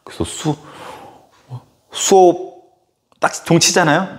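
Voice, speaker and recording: A man who teaches middle-school history, telling a casual anecdote in a lecture with animated storytelling and lots of filler words. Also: a little high, slow. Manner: animated storytelling full of filler words and sudden acted outbursts.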